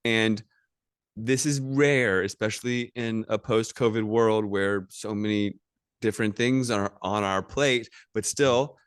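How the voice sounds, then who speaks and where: An American man with a low, smooth and resonant voice, talking loosely as a podcast guest. He rambles, backtracks and fills pauses with "um." The sound is dry and close. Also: fairly even intonation, no room sound. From United States. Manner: rambling, with many fillers and restarts. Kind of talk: casual podcast conversation.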